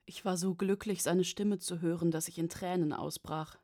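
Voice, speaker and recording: A woman narrating a first-person story as an audiobook, in an even, measured way. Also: fairly low pitch.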